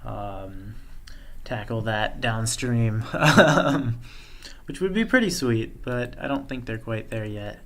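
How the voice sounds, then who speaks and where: A man presenting a coding tutorial, thinking aloud in a relaxed way as he walks through code on screen. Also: medium pitch, slow pace. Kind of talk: screen-share coding walkthrough.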